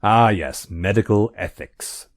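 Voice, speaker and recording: An actor playing a prim, long-suffering butler with formal, dry politeness in a game. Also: male voice, fairly low pitch, unhurried, no room sound, lightly acted. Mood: dry, polite.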